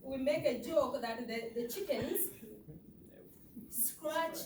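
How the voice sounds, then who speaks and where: A woman's voice: sits high, slow pace, a crowd in the background. A woman from Uganda with a Ugandan accent, giving an earnest, emphatic conference presentation with rhetorical questions to the audience. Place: lecture hall. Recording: echoey hall, far off.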